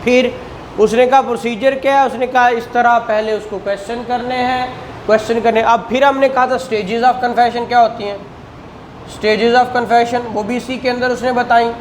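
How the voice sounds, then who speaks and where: In an echoey indoor classroom with clear background noise, a man with a Pakistani accent gives a law lecture. His voice is very high and steady at a moderate pace, and he teaches didactically, questioning students and repeating key phrases.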